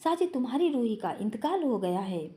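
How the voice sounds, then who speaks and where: A woman voicing a sorrowful middle-aged mother, gently and tearfully consoling her son. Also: on the high side, sing-song, moderate pace.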